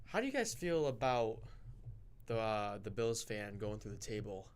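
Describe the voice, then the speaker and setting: A man's voice: lowish voice, sing-song, normal speed. A young man co-hosting a sports podcast in casual chat, easygoing and asking lots of questions. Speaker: podcast co-host.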